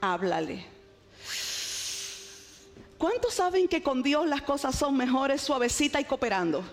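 A woman's voice: high voice, big pitch swings, normal speed, in a large hall, soft background music. A woman preacher telling a personal testimony to her congregation in a dramatic storytelling way, urging them on. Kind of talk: testimony sermon.

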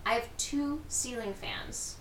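A woman co-hosting a podcast in casual chat, giggly and animated, speaking in a friend's home. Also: a little high, slow pace. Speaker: podcast co-host. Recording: roomy and distant with faint noise.

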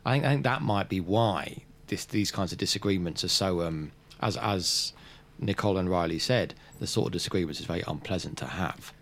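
A man's voice: deep voice, fairly quick, a bit bright. An Australian man co-hosting a philosophy podcast, talking things through thoughtfully with hedging fillers. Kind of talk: conversational philosophy discussion.

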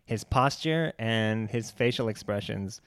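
A young man co-hosting a casual film chat, relaxed and talkative with many fillers and easy laughter. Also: lowish voice, a little slow, no room sound. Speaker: podcast co-host.

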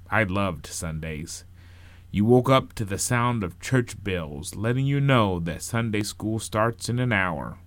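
A man narrating a first-person story in an unhurried, expressive storytelling manner. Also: on the low side, no room sound.

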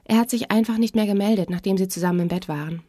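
A woman's voice: mid-range voice, fast talker, warm tone, no echo, studio quality. A woman therapist hosting her podcast, reading a story and commenting in a conversational, self-ironic way. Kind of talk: podcast narration.

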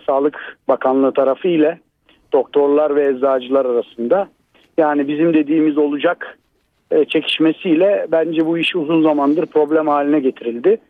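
A man calling in to a radio show over a landline phone, giving his opinion in a measured way with hesitant pauses. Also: on the high side, no room sound. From Turkey. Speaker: radio call-in listener. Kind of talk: casual call-in comment. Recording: tinny dry phone line.

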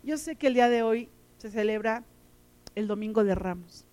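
High-voiced woman preaching warmly. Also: moderate pace. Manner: emotional, storytelling, repeats words. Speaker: teacher and lay preacher. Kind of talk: sermon with personal stories.

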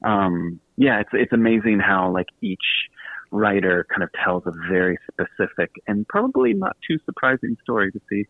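On tinny, narrow audio with no room sound, a low-voiced man talks at normal speed in a sing-song way. He's an author and podcast host appearing as a radio interview guest, chatting casually with a joking, self-deprecating, effusive manner.

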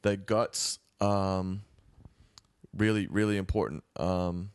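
Calm low-voiced male co-host. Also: slow pace, clean tone, dry recording. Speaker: podcast co-host. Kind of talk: casual chat.

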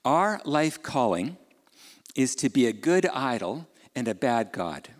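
A Ukrainian male pastor preaches in an easy, conversational, sing-song way, unhurried, asking his listeners questions and stepping aside for informal remarks. His voice is an ordinary middle pitch, and long reverb suggests a large church hall.

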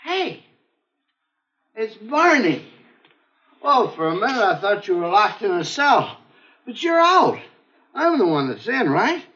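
Happy town drunk in an old sitcom, boozy rambling, voice all over the place, muffled sound. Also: male voice, high voice, big pitch swings, slow, long pauses, pushed and bright, full character voice. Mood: confused, amused. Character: cheerful, slurring town drunk, middle-aged man, sentimental and cocky. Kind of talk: old television sitcom acting. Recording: dull, noisy old TV soundtrack.

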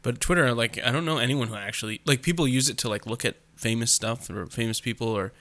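A man's voice: mid-range voice, fast, fairly bright tone. A young man co-hosting a casual podcast, telling stories in a chatty way full of "like". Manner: chatty storyteller, heavy use of "like". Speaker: podcast co-host. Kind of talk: casual chat.

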